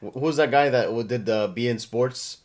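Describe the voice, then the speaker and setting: A man's voice: medium pitch, moderate pace, a little mellow. A young man hosting a podcast, teasing his co-host and steering the casual chat. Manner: teasing, laughing, steering the talk.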